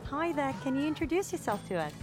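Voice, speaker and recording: A woman's voice: high-pitched, very animated, quick pace, music in the background. A woman working as a roving reporter, interviewing visitors at a book fair in an upbeat, chatty way, laughing easily. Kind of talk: vox-pop interviews.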